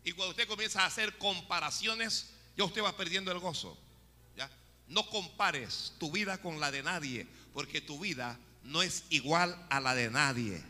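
High, bright-voiced male preacher. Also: normal speed. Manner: animated, talks straight to the congregation. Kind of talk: sermon. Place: church hall. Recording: echoey hall with faint music.

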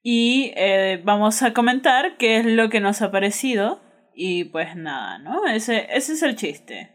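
A woman's voice: on the high side, big pitch swings, measured pace. A young woman with a Peruvian accent co-hosting in playful, teasing chat. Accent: Peruvian Spanish. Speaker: podcast co-host. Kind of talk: casual chat.

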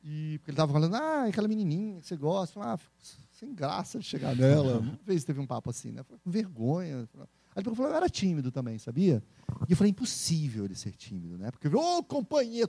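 Animated fast-talking Brazilian man. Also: fairly high pitch, husky, no room sound. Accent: Brazilian Portuguese. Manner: animated, laughing, quick storytelling. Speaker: guest speaker and entrepreneur. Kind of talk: casual interview talk.

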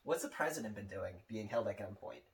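A man casually and eagerly pitching a movie idea in comic banter, swearing and acting out bits. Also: lively intonation, a little fast, recorded from a distance. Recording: off-mic, background noise.

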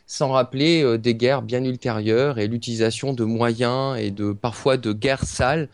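Podcast columnist, male, mid pitch, dry close sound, earnest and halting delivery. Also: fairly even intonation, dry recording. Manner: earnest and hesitant, with frequent filler pauses. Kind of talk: podcast book review.

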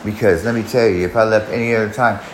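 A man's voice: fairly low pitch, steady tone, quick pace. A man in his forties telling a long personal story on his podcast, rambling and swearing, with many restarts. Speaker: podcast host. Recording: echoey room, faint background noise.

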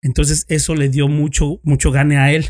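A man's voice: a little high, little pitch movement, moderate pace, a little mellow. Slangy Mexican man telling a story. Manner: slangy, swears freely, acts out both sides of dialogue. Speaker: former police investigator. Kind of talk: casual storytelling among friends.

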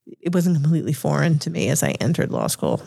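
A woman from Massachusetts with a Boston accent speaks as an interview guest, giving considered answers. Her voice has a noticeable gravelly fry, and the sound is dry and close, without room echo. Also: low-pitched, wildly swooping pitch, fast talker, dark tone. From Revere, Massachusetts, United States. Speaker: interview guest, corporate lawyer.

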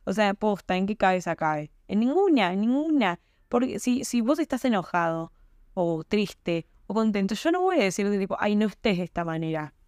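In a casual podcast monologue, a young woman with an Argentine Spanish accent speaks emphatically and asks rhetorical questions. Her voice is mid-range and slightly mellow, recorded in studio quality without echo.

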